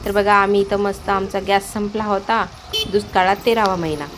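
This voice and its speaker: Woman vlogger, folksy and chatty, mid-pitched voice, phone-recorded outdoors in heavy traffic noise. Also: flat delivery, fairly quick. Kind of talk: casual vlog narration. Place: outdoors by a road. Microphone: phone camera. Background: passing vehicles and rain.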